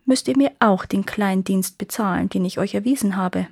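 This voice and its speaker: A woman's voice: mid-range voice, moderate pace, gravelly, breathy edge, no room sound, clean studio sound. A woman voicing a hideous, scheming old witch who wheedles and threatens. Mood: coaxing.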